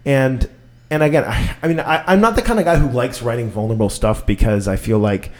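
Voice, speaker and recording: A man in his thirties, a podcast host chatting casually and telling stories in a rambling, animated way with lots of fillers. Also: medium pitch, fairly quick. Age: 30s.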